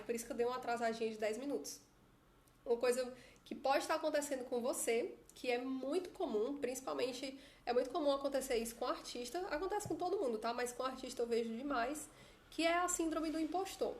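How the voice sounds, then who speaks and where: Brazilian lady coaching her followers on a phone live, high voice, echoey room. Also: slight background noise. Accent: Brazilian Portuguese. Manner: chatty, often adds tag questions. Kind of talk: casual live-stream coaching.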